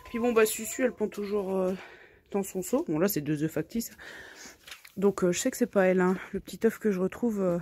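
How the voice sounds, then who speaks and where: A woman's voice: medium pitch, brisk, darkish tone, slight background noise. A woman in a casual vlog, chatting while she tends her backyard hens and coos to them fondly. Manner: coos fondly and talks baby-talk to her birds. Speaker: backyard poultry keeper. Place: outdoors in a garden henhouse. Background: chickens and a rooster clucking.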